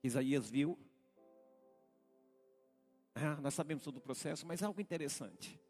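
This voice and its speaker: A man with a Brazilian Portuguese accent, a senior pastor preaching a live church sermon, repeating phrases and calling out to the congregation as he builds to shouted peaks. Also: a little high, normal speed, soft background music. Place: church sanctuary.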